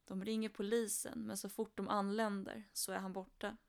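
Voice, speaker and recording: A woman narrating a true crime story in a steady, flat retelling. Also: medium pitch, creaky.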